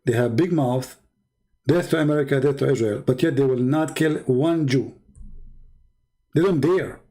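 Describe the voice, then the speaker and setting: A man's voice: medium pitch, moderate pace, warm tone, rough recording. A man from the Middle East giving a sarcastic, mocking polemical monologue as a debater, issuing challenges.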